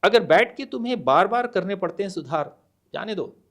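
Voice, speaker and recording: A middle-aged man, a guest author on a podcast, speaking in a measured, deliberate way and mixing Hindi and English, with hesitant pauses. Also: high voice, animated. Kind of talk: podcast interview, reading a poem aloud.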